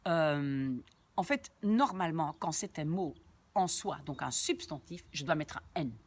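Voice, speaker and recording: Slow, patient woman teaching Dutch. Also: sits low, expressive, breathy edge. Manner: patient, repeats and translates word by word; chatty asides to viewers. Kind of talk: language lesson explaining a sentence.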